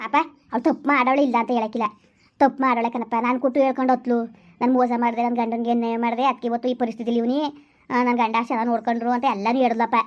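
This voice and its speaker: A woman's voice: a little high, flat delivery, racing, close to an everyday voice. A young woman playing a village woman who pleads with her elders, speaking. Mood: pleading. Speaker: village family member. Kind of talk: village drama acting.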